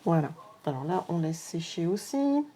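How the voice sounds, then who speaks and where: A woman's voice: on the low side, big pitch swings, normal speed, mellow, slight background noise. A woman with a Marne French accent hosting a live craft demonstration, talking straight to her viewers in a chatty way. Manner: chatty, often talks straight to the viewers with "regardez" and "hein". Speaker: craft tutorial host.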